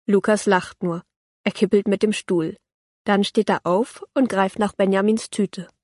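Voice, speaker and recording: A woman reads a children's story aloud in a calm, clear manner, her voice sitting at an ordinary middle pitch. The recording is dry and close, with no room sound around her. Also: measured pace, no room sound. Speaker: narrator. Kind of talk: children's audiobook reading.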